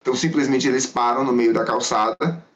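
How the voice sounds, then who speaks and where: Speaking a bit quickly in a steady, mid-range voice, a Mandarin school teacher on as a guest wanders casually through stories. He rambles and often self-corrects. The audio is dull and lo-fi.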